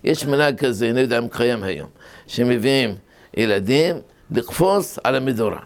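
A rabbi giving a Torah lesson. He explains things step by step, asks questions and answers them himself, tells anecdotes, and jumps up in pitch when he stresses a point. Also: lively intonation. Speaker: rabbi teaching a class.

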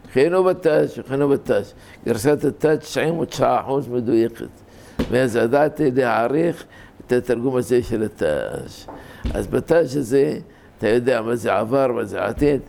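Older male religious teacher, gravelly voice, informal and deliberate, often repeats himself and self-corrects. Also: medium pitch, darkish tone. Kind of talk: informal scholarly talk on scripture reading.

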